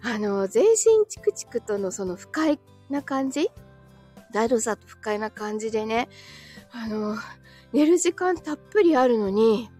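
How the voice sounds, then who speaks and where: A woman with a high voice chats casually with her livestream viewers, answering their comments and giggling often, breaking into small laughs. She's a live streamer and voice actor who sounds tired and a little short of breath as she recovers from an illness. Soft music plays faintly in the background.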